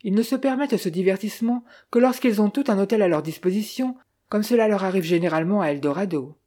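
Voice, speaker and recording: A narrator reading the lines of a brisk, witty young woman who teases and announces in a storybook reading. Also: mid-range voice, dark tone, natural voice. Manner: teasing, brisk.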